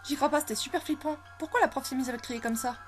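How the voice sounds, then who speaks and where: High-voiced young woman reading game dialogue. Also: fast talker, over music. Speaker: game player reading all the parts.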